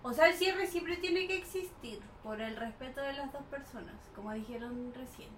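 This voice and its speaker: A woman with a Chilean accent, a psychologist guest, explaining calmly in casual chat. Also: high voice, moderate pace. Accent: Chilean Spanish. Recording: roomy, a bit distant, faint noise.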